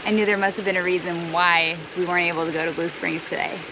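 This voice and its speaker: A woman co-hosting a casual hiking vlog outdoors, chatty and excitable. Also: fairly low pitch, fast talker. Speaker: travel vlogger. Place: outdoor wooded trail. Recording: outdoor noise in background.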